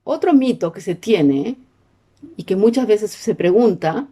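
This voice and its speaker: A woman's voice: medium pitch, lively intonation, a little slow, warm tone, husky. A woman teaching a class, explaining step by step and checking in with her listeners through frequent questions. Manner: peppers sentences with questions to the class. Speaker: sign language teacher.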